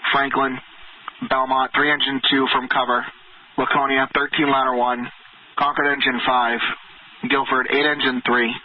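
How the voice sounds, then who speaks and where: Male radio dispatcher, mid-pitched, clipped and procedural, on a thin channel with clicks. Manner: clipped, procedural, repeats back messages. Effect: two-way radio. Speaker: fire dispatcher. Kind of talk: formal radio dispatch announcements. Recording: tinny radio channel, faint noise, clicks.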